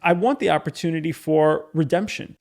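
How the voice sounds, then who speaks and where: A man's voice: fairly high pitch, a little fast, gravelly, darkish tone. A man hosting a podcast, speaking in an earnest, informal, philosophical way, as in a reflective wedding toast speech. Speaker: podcast host.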